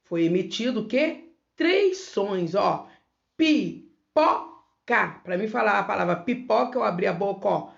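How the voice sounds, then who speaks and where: A Brazilian Portuguese woman teaching young children in a remote lesson, sounding out words slowly syllable by syllable. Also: mid-range voice, lively intonation, gravelly, highs cut off. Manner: slow, syllable-by-syllable word demonstrations. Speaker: primary school teacher.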